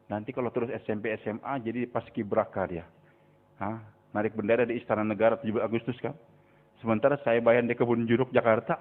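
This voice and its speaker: Older man, preacher, storytelling sermon, asks listeners questions, medium pitch, thin phone-line sound. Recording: tinny phone-like recording.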